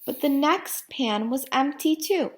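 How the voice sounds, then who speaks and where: Her voice sits high and her intonation is lively as she reads a children's story aloud, deliberate like a teacher and pausing to quiz the little ones listening.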